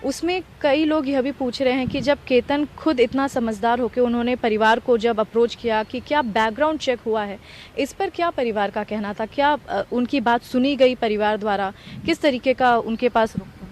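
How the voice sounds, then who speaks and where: A woman's voice: fairly high pitch, normal speed, slight background noise. A woman TV news reporter asking probing questions in an earnest manner, with small hesitations.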